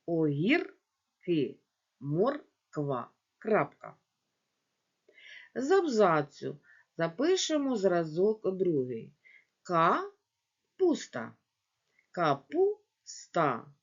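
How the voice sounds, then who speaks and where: A woman teaching young children in a video lesson, dictating words slowly syllable by syllable and speaking to the class directly. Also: lowish voice, husky. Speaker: primary school teacher. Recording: dull lo-fi home recording.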